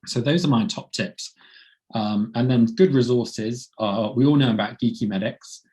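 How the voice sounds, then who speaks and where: A man with a croaky, cold-roughened voice presenting a medical teaching webinar in a plain explaining way. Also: medium pitch, moderate pace, darkish tone. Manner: plain explaining, light laughs.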